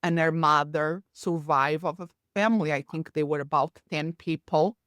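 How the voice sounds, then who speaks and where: Portuguese-accented woman, lowish voice. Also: fairly even intonation, a bit bright, dry recording, studio quality. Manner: earnest, slightly halting non-native phrasing. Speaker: podcast guest. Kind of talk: conversational storytelling.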